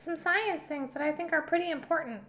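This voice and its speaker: A woman's voice: sits high, brisk, a bit bright, roomy sound. A woman playing a young science-obsessed boy who talks eagerly and stumbles over words. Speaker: improv comedian. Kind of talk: improvised comedy podcast.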